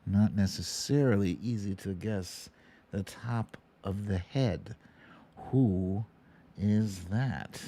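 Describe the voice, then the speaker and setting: A man hosts a casual livestream quiz on a live online show, bantering playfully and calling out to viewers. He speaks slowly in a lowish, mellow voice.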